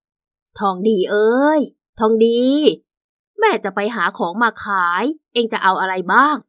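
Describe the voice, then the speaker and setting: A woman voicing a sharp-tongued, arrogant older mother-in-law in a radio story, with a coarse, scolding manner. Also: medium pitch, lively intonation, normal speed, no room sound, studio quality. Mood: mocking.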